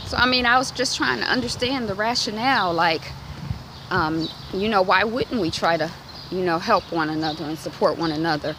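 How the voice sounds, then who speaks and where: A thirties woman with a Detroit accent vlogs to her phone camera, held at arm's length, as she strolls down a residential street, with street traffic audible outdoors. Her walk-and-talk chat moves at a moderate pace, and she's animated, acting out quoted voices with big jumps in pitch.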